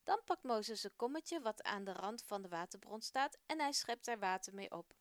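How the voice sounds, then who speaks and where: A woman narrating a children's story in a gentle, expressive read-aloud manner. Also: mid-range voice, normal speed, no room sound.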